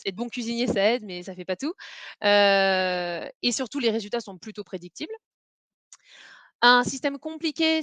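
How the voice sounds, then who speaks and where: A woman presenting a webinar on facilitation in a conversational, hesitant way, often pausing on filler sounds. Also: medium pitch, dry recording.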